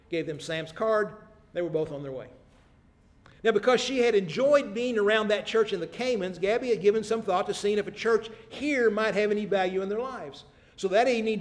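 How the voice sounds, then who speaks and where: High-voiced man preaching a sermon. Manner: storytelling, earnest, varies emphasis.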